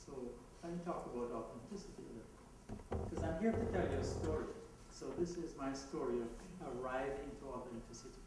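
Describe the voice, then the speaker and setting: Giving a conversational conference talk, this Jamaican-accented man speaks at a medium pitch, fairly quickly and with few pauses, chuckling at his own asides. He's picked up from afar in a reverberant hall with noise behind him.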